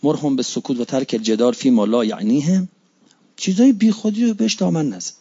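Brief: fervent male preacher, slightly high voice, repeats lines, dull lo-fi sound. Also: darkish tone. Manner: impassioned, swings from low murmurs to high exclamations; repeats phrases for emphasis, recites Arabic hadith slowly. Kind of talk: religious sermon. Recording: dull lo-fi recording.

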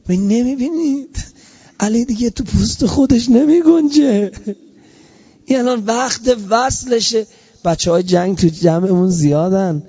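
A man with a high-pitched, husky voice preaches a mournful, emotional sermon on a dull lo-fi recording. Repeating lines with passion, he lets his voice surge and then drop in volume.

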